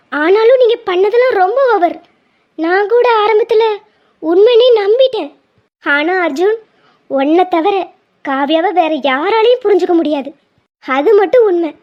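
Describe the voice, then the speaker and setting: A woman's voice: very high-pitched, muffled recording. Woman voicing a blunt scolding young friend. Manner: chiding, blunt.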